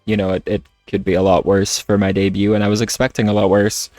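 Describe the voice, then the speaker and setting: A man chatting casually on a livestream while playing a game, talking in a hesitant, halting way. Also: fairly low pitch, little pitch movement, mellow, no room sound, soft background music. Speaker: streamer. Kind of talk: casual livestream chat over gameplay.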